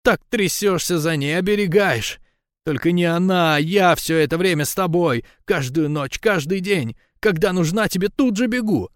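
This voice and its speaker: A man reading an audiobook, voicing a jealous, tearful young woman who shouts her accusations. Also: normal speed, no echo, studio quality, lightly acted. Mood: tearful, pleading. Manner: shrill, accusing, breaking into shouts. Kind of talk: audiobook dialogue.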